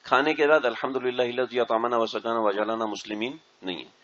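A man's voice: medium pitch, steady tone, fairly bright tone, a little hiss or hum. A man, a mufti, giving an instructional religious talk to a group of pilgrims and often checking that they understand. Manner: keeps checking the audience understands. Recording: dull lo-fi recording.

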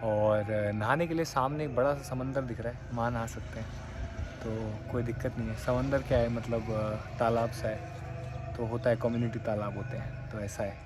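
A man's voice: mid-range voice, fairly even intonation, moderate pace, over music. A man talking casually to camera as a walking travel vlogger, chatting with his viewers as he walks along a road outdoors. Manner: chatty, addresses viewers as brothers and guys; talks while walking on foot. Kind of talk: casual vlog talk to camera. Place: outdoors by a roadside.

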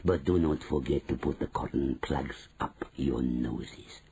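A storyteller voicing an imperious, venomous witch leader in a children's storybook, with drawn-out, screeching commands. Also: extremely low pitch, vocal fry, warm tone, breathy edge, voice pushed down, exaggerated voice. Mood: hushed disgust.

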